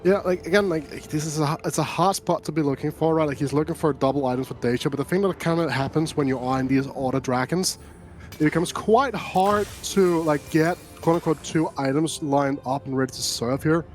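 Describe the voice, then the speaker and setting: A man delivers analytical color commentary on an esports match, thinking aloud and frequently tagging his lines with "like" and "right?". His voice is a little high and brisk, with faint music in the background.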